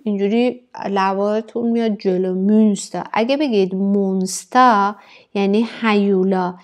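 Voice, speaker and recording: A woman teacher leads a German lesson for Persian speakers. She stretches out each German word with care, then rushes through her explanations in a lively way. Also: medium pitch. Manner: slows down to pronounce German words carefully, then explains fast.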